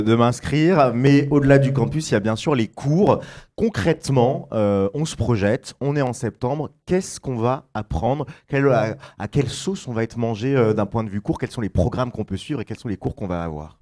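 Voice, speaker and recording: A man's voice: mid-range voice, moderate pace, a little mellow. A man interviewing a guest at a student fair in a chatty, joking manner. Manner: chatty, jokey, asks questions casually.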